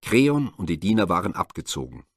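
A man narrating a classic Greek myth as a scripted audiobook reading, measured and formal. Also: low-pitched, big pitch swings, creaky, breathy edge, dry recording, studio quality.

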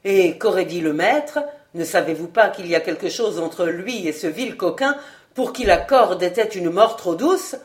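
A woman voicing a huge, burly, calm outlaw who speaks in a low grumbling murmur. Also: normal speed, natural voice. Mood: scolding.

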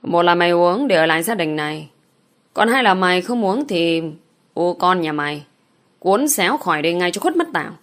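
Drunken village father, cursing and threatening, lowish voice, read by a woman. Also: animated, normal speed, fairly bright tone. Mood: commanding.

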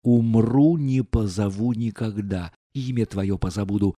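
A man's voice: fairly low pitch, mellow, no room sound, studio quality. A man reading an audiobook, voicing an imperious, hot-tempered older noblewoman who scolds and snaps. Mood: indignant. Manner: scolding, quick to anger.

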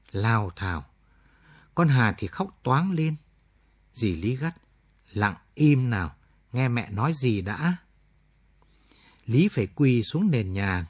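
A man narrating a late-night radio story in a measured, somber reading. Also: fairly low pitch, breathy edge, no echo.

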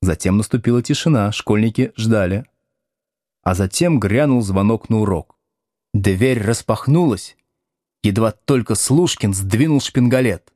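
A man reading a novel aloud as scripted narration with expressive storytelling. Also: on the low side, no room sound, clean studio sound. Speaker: audiobook reader.

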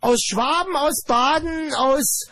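A male radio host talking fast in a studio, ranting with mock outrage at a caller. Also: very high voice, sharp tone. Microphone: studio mic with headphones.

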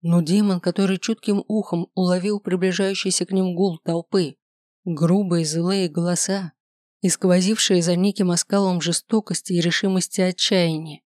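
A reader narrating a fantasy audiobook in a steady, expressive way. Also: mid-range voice, no room sound, clean studio sound. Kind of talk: scripted narration.

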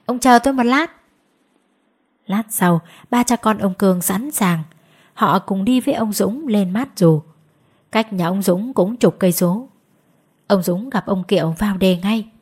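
A woman storyteller reads a ghost story aloud in a steady, measured delivery. Her voice has a husky, slightly breathy grain. Pitch sits in a middle range for a woman.

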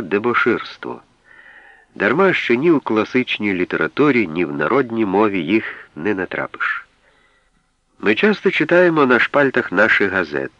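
A man giving a measured, explanatory scripted reading of a language usage guide, setting apart single words as he goes. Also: on the low side, a bit bright, no room sound, muffled recording.

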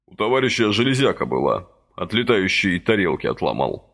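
A gruff, reluctant young man, voiced by a male reader, who mutters and snaps back his answers. The voice sits low and a little gravelly, close to the reader's own. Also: very animated, a little fast, fairly bright tone, exaggerated voice. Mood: grumbling. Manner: grumbling and reluctant. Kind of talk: audiobook character voice.

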